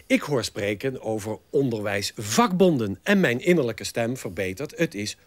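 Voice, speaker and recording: A man's voice: medium pitch, lively intonation, moderate pace. Mock-indignant male comedy presenter. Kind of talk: satirical sketch talk.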